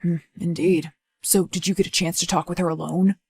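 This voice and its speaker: A woman playing a supportive, inquisitive male partner in a scripted story, low-key and dry. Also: level tone, a little fast, darkish tone, slightly rough, dry recording. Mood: dryly inquisitive.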